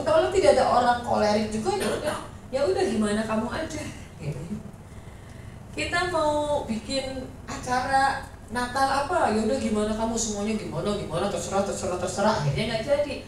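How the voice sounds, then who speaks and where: A woman pastor preaching a sermon in a lively, conversational way, acting out quoted voices. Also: a little high, a little hiss or hum. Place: church hall. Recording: echoey church hall from far off.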